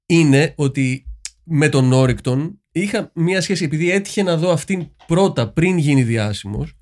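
A man's voice: fairly high pitch, lively intonation, a little mellow. Podcast guy, earnest and reflective about an old movie, chatty. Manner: earnest, reflective, laughs often. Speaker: podcast co-host. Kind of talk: casual film-review chat.

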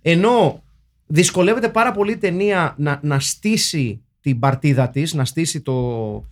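Rambling sardonic man reviewing films. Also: on the high side. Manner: rambling, many restarts, sardonic jokes. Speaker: podcast host. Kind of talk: casual film-review chat.

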